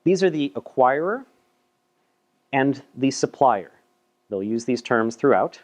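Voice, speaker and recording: A man's voice: mid-range voice, lively intonation, unhurried. A man giving a casual, chatty technical talk at a meetup, presenting a paper with self-deprecating asides and frequent repeated words. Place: meetup room.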